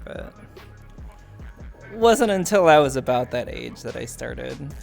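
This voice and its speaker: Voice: mid-range voice, vocal fry. A podcast host in casual interview chat on a stream, chatty, joking and rambling.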